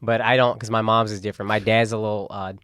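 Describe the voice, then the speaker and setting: A man co-hosting a comedy podcast, swearing freely and trading quick jokes. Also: fairly low pitch, level tone, a bit bright, clear, resonant tone, no echo. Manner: profane, quick back-and-forth, laughs along. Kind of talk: loose comedic banter. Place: podcast studio.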